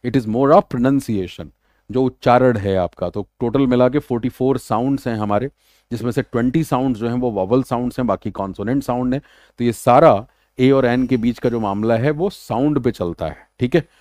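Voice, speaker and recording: Male grammar tutor for an exam-prep lesson. Chatty, with slow, careful English lines. Warm, mellow voice, dry close recording. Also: medium pitch, dry recording. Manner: casual, chatty explaining that mixes Hindi with slow, deliberate English.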